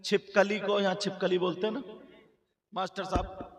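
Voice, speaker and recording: A man preaching a dramatic story sermon at a religious gathering, in a sing-song, drawn-out delivery that swings between high cries and hushed passages. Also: level tone. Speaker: Islamic preacher. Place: large outdoor religious gathering with stage. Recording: echoey public address with long reverb.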